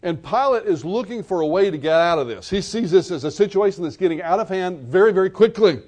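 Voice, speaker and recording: A man's voice: high-pitched, lively intonation, fast, darkish tone, highs cut off. A man preaching a sermon, retelling a scene in vivid storytelling detail.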